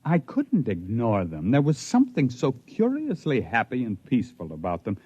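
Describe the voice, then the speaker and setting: An actor in a 1950s radio drama plays a proud, intense human spaceman stranded among aliens, recounting his life with emphatic, dramatic delivery. His mid-range voice is warm, the mood wry and wistful. The dry recording sounds muffled, like vintage 1950s radio.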